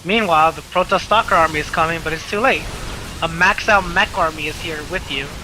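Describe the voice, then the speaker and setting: A man's voice: a little high, brisk, bright, forceful tone, faint music behind, rough recording. A man giving casual gaming commentary, joking and explaining strategy and swearing freely. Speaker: co-player and commentator.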